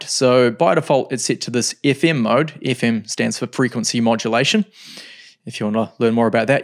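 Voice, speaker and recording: In a mid-range voice, a middle-aged man calmly breaks down a music software process step by step. He pauses here and there to think, speaking from a desk in his home studio.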